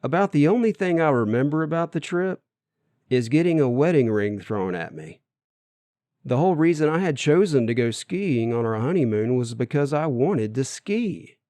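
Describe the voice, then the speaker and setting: A man's voice: medium pitch, big pitch swings, moderate pace, warm tone, dry recording. Earnest man reading his memoir, dry. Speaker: narrator of his own memoir. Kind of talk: audiobook memoir narration.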